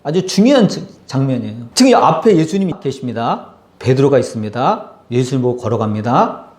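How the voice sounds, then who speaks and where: Man, pastor, sermon, lively up-and-down delivery, loud-to-hushed swings, echoey sanctuary. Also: medium pitch, brisk.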